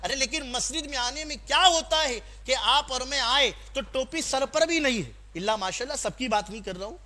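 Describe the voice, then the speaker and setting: A man's voice: extremely high pitch, sharp tone. A man preaching a sermon to a congregation, exhorting them, asking them questions and calling for responses, and mixing in personal stories. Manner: exhorting, asks the audience questions and calls for responses; tells personal anecdotes in a conversational tone.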